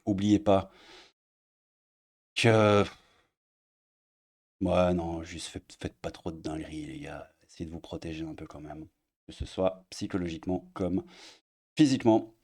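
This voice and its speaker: A man giving casual online commentary as he reads posts aloud, sarcastic, often trailing off into low mutters. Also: measured pace, pauses often, a little mellow.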